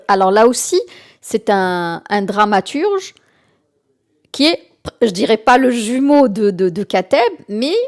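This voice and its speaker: Hesitant woman author. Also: a little high. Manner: hesitant, many fillers and restarts; mixes in Algerian Arabic phrases. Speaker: guest author. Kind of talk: radio interview.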